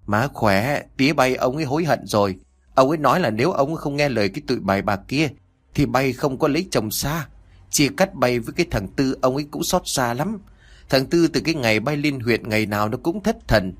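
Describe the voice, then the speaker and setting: A man's voice: mid-range voice, expressive, fairly quick, natural voice. A man voicing a talkative, worried old country mother on the phone in an audiobook. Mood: fussing. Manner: chatty, fussing.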